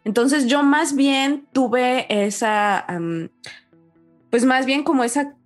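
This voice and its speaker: A woman's voice: high-pitched, slow, faint music behind. A Mexican woman co-hosting a podcast, recalling her experiences in a casual, reflective and somewhat hesitant way. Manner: reflective, hesitant, with fillers and trailing asides. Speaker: podcast co-host. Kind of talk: casual chat, storytelling.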